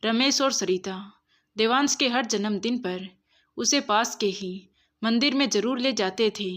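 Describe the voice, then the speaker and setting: A woman storyteller giving steady, expressive scripted narration of a moral story. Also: on the high side, a little slow.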